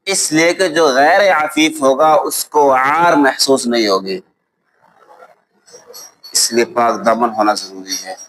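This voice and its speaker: A man with a Pakistani Urdu accent teaching a lesson on Islamic law. He recites Arabic texts slowly, then explains them with examples and often checks that students follow. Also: mid-range voice, fairly bright tone, a little hiss or hum, rough recording. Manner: explains with worked examples and asks "ٹھیک ہے؟" to check understanding. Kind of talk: classroom lecture.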